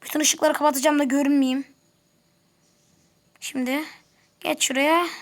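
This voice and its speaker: A woman giving casual let's-play commentary, chatty, grumbling and talking to the characters on screen. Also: high voice. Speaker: gameplay commentator.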